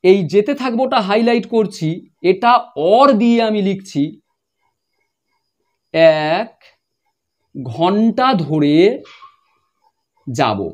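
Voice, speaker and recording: A high-voiced man leads a grammar lesson. He explains each rule step by step, saying example sentences slowly and repeating them. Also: big pitch swings. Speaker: English grammar teacher. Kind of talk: spoken grammar lesson at a board.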